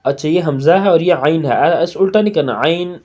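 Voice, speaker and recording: A man with a Pakistani Urdu accent teaching children to spell out and recite Quranic syllables, slowly drawing out the recitation and then explaining quickly. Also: on the high side, a little mellow. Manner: slow drawn-out recitation alternating with quick explanations.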